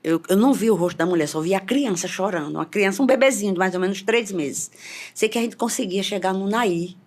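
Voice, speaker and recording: A middle-aged woman giving an emotional church testimony, repeating phrases and rising in pitch as she relives the scenes. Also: fast, a little mellow. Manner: repetitive, fervent, voice rising when reliving scenes.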